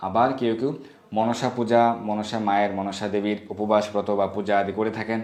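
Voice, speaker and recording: A man's voice: mid-range voice, darkish tone. A man explaining devotional ritual steps in a formal, methodical way, as a religious instructor. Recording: echoey room.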